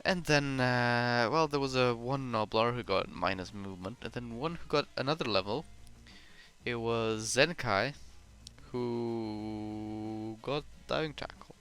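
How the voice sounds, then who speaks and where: A man co-hosting a casual podcast over a voice call, relaxed and a little hesitant, his failing headset making the audio choppy. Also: medium pitch, moderate pace, smooth, soft background music. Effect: glitchy choppy internet audio. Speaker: podcast co-host. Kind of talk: casual chat about a board game.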